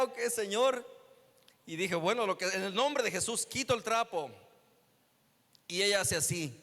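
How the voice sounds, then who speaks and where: Man, guest pastor, sermon storytelling, high voice, gravelly, reverberant church hall. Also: a bit bright. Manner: storytelling, acting out dialogue. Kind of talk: sermon testimony.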